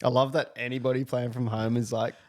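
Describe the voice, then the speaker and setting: A man's voice: medium pitch, level tone, fairly quick. A man co-hosting a podcast, wry and laid-back in casual chat during a word game. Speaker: podcast co-host.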